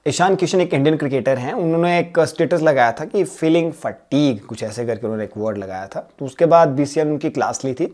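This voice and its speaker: A man's voice: on the high side, a little fast, few pauses, a little mellow. Man teaching spelling, chatty repetitive. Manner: switches between Hindi and English mid-sentence; repeats words and spells them letter by letter. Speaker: English teacher. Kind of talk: exam-prep spelling lesson.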